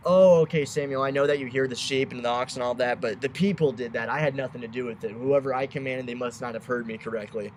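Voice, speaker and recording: A man playing a self-serving king who brushes off blame in a light, offhand voice. He talks in quick, casual sentences, pushing responsibility onto others and staying in a mid-range tone. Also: medium pitch, slight background noise, lightly acted. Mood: breezy excuses. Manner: casual, breezy, blame-shifting. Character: self-serving male king making excuses.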